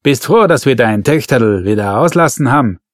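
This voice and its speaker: A man's voice: mid-range voice, animated, moderate pace, no echo, studio quality, close to an everyday voice. A man voicing a brash, boorish police colonel with an Austrian accent, mocking and barking his lines.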